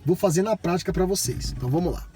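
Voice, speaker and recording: A man's voice: high voice, fast, mellow, husky. A man from Bahia with a Brazilian accent, giving a casual, colloquial tutorial and often checking in with viewers. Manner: colloquial, repeats himself, addresses viewers with check-in tags. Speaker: tutorial presenter.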